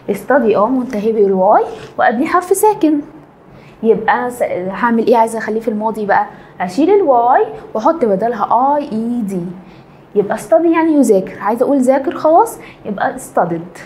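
A young Egyptian woman teaching an English grammar lesson, explaining patiently and repeating key words slowly. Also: fairly high pitch, expressive, dark tone, slight background noise. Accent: Egyptian Arabic.

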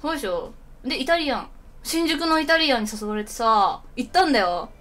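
A woman in her twenties, a streamer telling a story in casual chat, animated and often laughing. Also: high voice, fairly quick.

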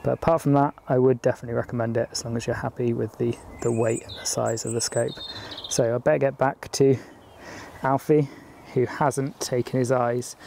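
A British man chats casually outdoors in his garden. His voice is gravelly and mellow, with an even, flat delivery full of hesitant ums. Clear background noise runs under the recording. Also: medium pitch. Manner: relaxed, hesitant with frequent ums. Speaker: astrophotography YouTuber. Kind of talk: casual vlog talk to camera.

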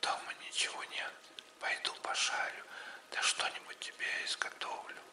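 A fussy, devoted old manservant from a storybook, as a male reader puts him on. It is whispered role-play, close as if right in your ear. The whisper is very sharp, with a roomy echo. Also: normal speed. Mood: solicitous.

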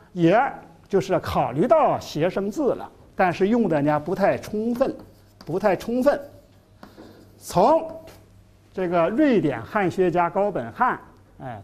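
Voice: medium pitch, a little mellow, husky. Teacher lecturing in class, voice swoops up and down a lot, keeps saying stuff twice. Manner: filler-heavy, repeats key phrases; slows and stretches terms for emphasis. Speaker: university lecturer.

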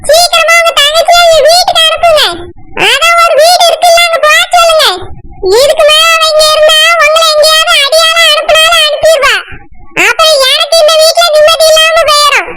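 A woman voicing a stern village housewife in a cartoon, scolding loudly in a Tirunelveli Tamil accent. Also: very high voice, level tone, a little fast. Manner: scolding, shouting. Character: sharp-tongued village sister-in-law, stern housewife. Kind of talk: cartoon voice acting.

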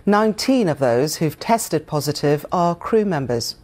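A woman presenting the news from a television studio, composed and crisp in her formal delivery. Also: sits low, lively intonation, measured pace, a little mellow. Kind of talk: news reading.

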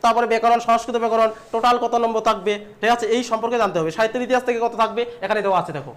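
Quick high-voiced male tutor. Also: steady tone. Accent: West Bengal Bengali. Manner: asks and answers his own questions, repeats "thik ache". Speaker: teacher. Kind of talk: online exam-prep lesson.

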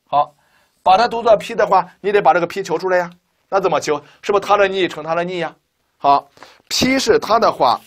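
Man teaching math with constant rhetorical questions. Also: fairly high pitch. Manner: keeps asking rhetorical questions, talks students through steps. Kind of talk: chalkboard-style linear algebra lecture.

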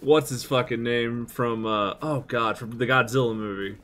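A man's voice: medium pitch, steady tone, moderate pace, a bit bright. A man in his thirties hosting a let's play, joking crudely and rambling as he plays. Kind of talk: casual gameplay chat.

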